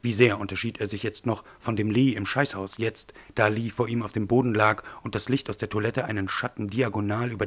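Low-voiced male audiobook narrator. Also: a bit bright.

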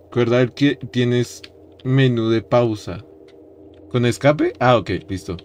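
A young man streaming a horror game, jumpy and loud, yelping in fright, chanting phrases over and over and laughing often. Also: medium pitch, slow. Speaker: gaming streamer. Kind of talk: let's-play game commentary.

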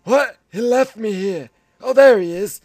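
A man's voice: high-pitched, a little slow, a little mellow, dry recording, clean studio sound, voice pushed up. A young man faking a fretful old man's voice, strained and exclaiming, as comic commentary on a game.

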